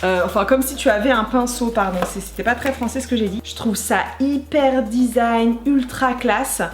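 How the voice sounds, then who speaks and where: A woman's voice: fairly high pitch, normal speed. Gushing woman vlogger in an echoey room. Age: 30s. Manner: gushing, enthusiastic, chatty. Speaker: beauty vlogger. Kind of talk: casual unboxing chat. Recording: echoey room, faint noise.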